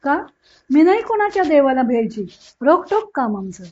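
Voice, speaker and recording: A woman reading the part of a sharp-tongued, teasing older aunt who talks bluntly and scolds, in a dull lo-fi recording. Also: high-pitched, big pitch swings, normal speed. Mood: scolding.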